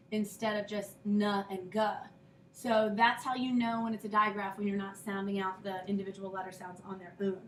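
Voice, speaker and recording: In a recorded phonics lesson, a medium-pitched woman patiently walks through each step and sounds out letter sounds. The mic is distant, the room echoes, and there's a little hiss or hum.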